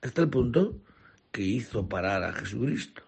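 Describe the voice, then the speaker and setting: A man's voice: mid-range voice, big pitch swings, normal speed, vocal fry, husky. A man, a priest, reading the gospel and preaching earnestly, with some self-corrections.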